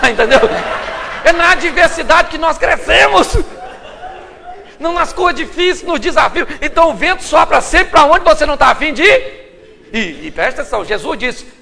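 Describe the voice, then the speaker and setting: A Brazilian Portuguese-accented pastor delivers a sermon before a crowd, playful and animated, acting out every quote. His voice sits very high with a gravelly edge. The sound carries the long reverb of a large hall. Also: a little hiss or hum. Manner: humorous, animated storytelling with acted quotes.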